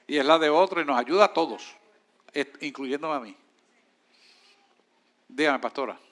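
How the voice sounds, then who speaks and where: A man's voice: fairly high pitch, moderate pace, fairly bright tone. A man with a Puerto Rican accent teaching a church discipleship class in an emphatic, preacherly way and answering students' questions.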